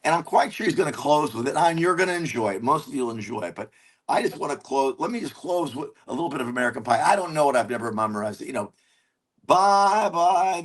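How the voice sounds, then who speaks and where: A man telling a comedy story in a casual interview, animated and swearing as he acts out his own lines. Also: mid-range voice, slightly rough. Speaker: comedian guest.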